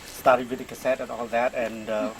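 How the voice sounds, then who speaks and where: Guy, soft earnest thank-you speech, lots of pauses. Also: mid-range voice, level tone, slight background noise, rough recording. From Cambodia. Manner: gentle, earnest, halting. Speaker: musician giving a tribute.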